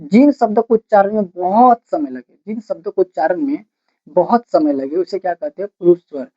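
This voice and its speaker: A grammar teacher with a warm, medium-pitched voice dictates notes slowly, as if at a blackboard, splitting sentences into single words and repeating phrases one word at a time. She asks questions before answering them herself, and the recording is dull and lo-fi.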